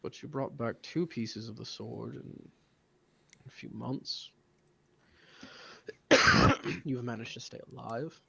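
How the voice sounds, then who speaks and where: A stern older father of high church rank, voiced by a man. He speaks slowly and gravely in a low, measured voice in a tabletop game. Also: pushed and bright, full character voice.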